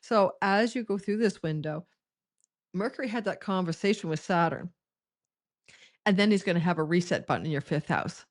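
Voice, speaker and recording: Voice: mid-range voice, moderate pace, long pauses, dry recording, studio quality. An astrologer giving a forecast monologue in a rambling, conversational way, with frequent restarts and asides.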